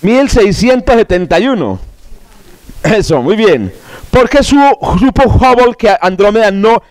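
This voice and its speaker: A man with a high-sitting, animated voice teaches an astronomy course at a measured pace, going through quiz questions in a classroom. He jokes, wanders into asides and stammers through restarts.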